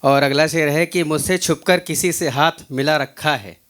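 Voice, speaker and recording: A guest poet with a Hindi accent reciting shayari at an open mic, repeating each line. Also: male voice, fairly high pitch, moderate pace, fairly bright tone. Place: open mic event venue.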